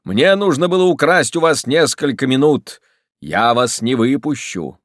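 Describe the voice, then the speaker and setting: An obsessive man in the grip of passion speaks low and slow, menacing and anguished by turns, as a male reader brings him to life. The storybook voice sounds dry and close, with middling pitch. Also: expressive, dry recording, close to an everyday voice. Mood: triumphant.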